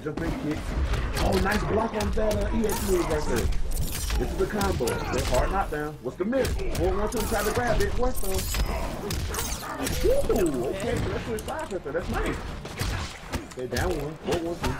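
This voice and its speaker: A man giving excited live fighting game commentary in a slangy, exclaiming manner. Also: sits high, moderate pace, very noisy. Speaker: esports tournament commentator. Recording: loud game music behind voice. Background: loud game music.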